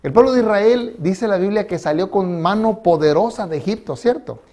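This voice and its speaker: A pastor preaches a sermon in a noticeably high, animated voice at normal speed, often pausing to pose rhetorical questions to his listeners. He acts out little quotes along the way, shifting between loud calls and quiet asides.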